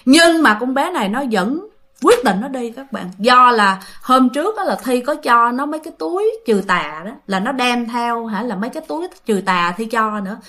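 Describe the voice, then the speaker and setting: A woman's voice: on the high side, lively intonation, moderate pace, a bit bright. A woman telling a ghost story in a casual, chatty way, talking straight to her listeners. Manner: chatty, addresses listeners directly, loose run-on phrasing.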